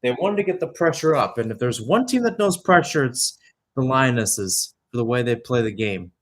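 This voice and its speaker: Calling a soccer match live in radio style, a young adult man uses an expressive, medium-pitched voice at a moderate pace. Between plays he chats conversationally and adds background detail.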